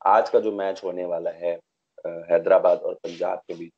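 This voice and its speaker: Speaking at normal speed in a low, level voice with a breathy edge, a young adult man leads a conversational cricket chat via video call. He hesitates and hunts for words from a small indoor room, captured in dull, lo-fi call audio.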